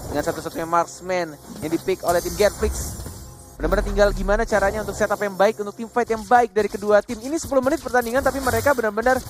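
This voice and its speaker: A man with an Indonesian accent giving live esports play-by-play as a caster, excitable and dramatic, mixing in English catchphrases. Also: high-pitched, slight background noise.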